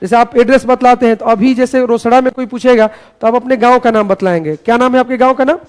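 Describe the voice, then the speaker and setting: A man teaches a class in a classroom. His voice sits very high, and he speaks loudly and playfully, firing call-and-response prompts at his students. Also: steady tone, fast, clear, resonant tone. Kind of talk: energetic classroom lecture.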